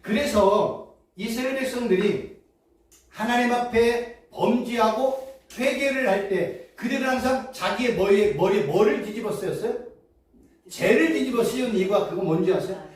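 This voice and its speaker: A woman seminary professor delivers a Bible lecture in a preaching style, testing listeners with rhetorical questions and repeating key phrases for emphasis. Her voice is fairly high and darkish at a normal speed. The room is very echoey and the mic is far off.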